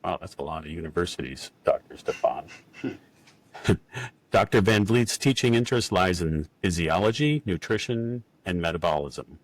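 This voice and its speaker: Very deep-voiced enthusiastic male podcast host. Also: dry recording. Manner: enthusiastic, chatty. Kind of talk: casual podcast interview.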